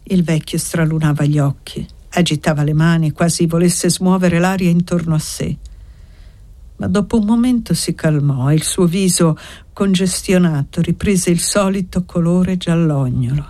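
A woman reading a literary novel aloud in a measured, steady narration. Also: on the low side. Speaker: audiobook narrator. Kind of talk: scripted narration.

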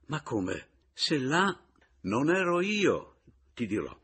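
A man's voice: medium pitch, big pitch swings, a bit bright, slight background noise, voice pushed up, full character voice. A man reading an audiobook, voicing a wry, bitterly ironic man who has come back after being thought dead. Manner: ironic, agitated, quick to laugh bitterly.

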